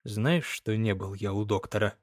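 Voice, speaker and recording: A man reading the part of a gruff, anxious young peasant in an audiobook. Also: on the low side, normal speed, dry recording, studio quality, pitched below the performer's own voice, lightly acted. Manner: gruff and curt.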